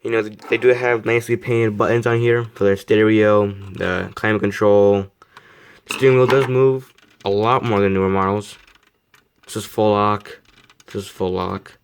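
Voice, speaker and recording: A man's voice: fairly low pitch, steady tone, moderate pace, smooth. A young man casually reviewing a model car, rambling, repeating himself and poking fun at himself. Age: young adult. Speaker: die-cast model reviewer.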